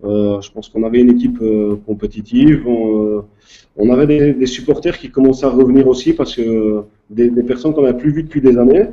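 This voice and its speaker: A man's voice: mid-range voice, a little fast, muffled recording. A man, a club official answering interview questions hesitantly, with many fillers. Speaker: guest, youth club president.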